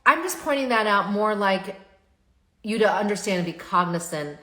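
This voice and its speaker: A woman's voice: mid-range voice, animated, normal speed, fairly bright tone. A middle-aged woman, a family therapist, talking casually on a live stream. She often checks in with her viewers by asking "right?". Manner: chatty, asks the audience "right?" often. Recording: echoey room.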